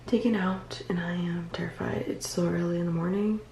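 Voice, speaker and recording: A young adult woman confiding in a vlog diary, tired and tearful, speaking softly and close to a whisper. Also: lowish voice, fairly even intonation, brisk, reverberant, slight background noise.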